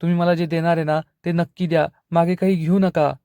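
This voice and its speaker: A man's voice: a little high, level tone, dark tone, clear, resonant tone, no echo, natural voice. A man reading a flustered defensive daughter. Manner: rushed defensive protesting.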